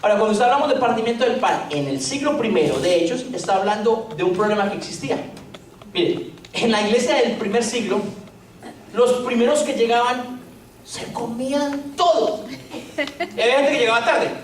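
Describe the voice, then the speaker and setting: A man's voice: extremely high pitch, moderate pace. Guy pastor cracking jokes mid sermon, lots of questions to the crowd, faint hiss behind. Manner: joking, storytelling preacher with rhetorical questions. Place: church hall. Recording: echoey church hall, distant mic, faint noise.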